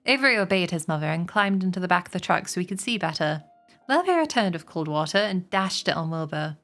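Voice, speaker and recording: A woman reading a children's novel aloud on a stream, slowing and lifting her voice for the characters' lines. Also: fairly low pitch, animated, a bit bright, soft background music. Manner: slows and lifts her voice for quoted characters.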